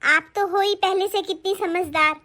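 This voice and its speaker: A woman voicing a kind, humble young daughter-in-law in a Hindi cartoon, speaking softly and consolingly. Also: very high-pitched, fairly even intonation, normal speed. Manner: soft, consoling.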